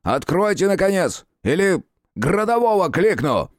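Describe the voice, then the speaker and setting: Man doing an irate male official, forties, booming, commanding, impatient, audiobook voice. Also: very animated, moderate pace, no room sound, studio quality.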